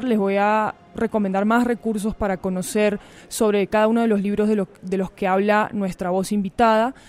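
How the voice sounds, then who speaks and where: A podcast host giving a measured, scripted introduction that speaks directly to listeners. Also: medium pitch, a little mellow.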